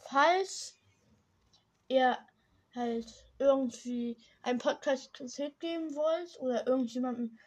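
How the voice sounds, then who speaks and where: A young teenage girl hosts a laid-back solo podcast, her high, slow voice carrying a darkish tone. She rambles in slang, correcting herself as she goes, and her braces slightly slur her words.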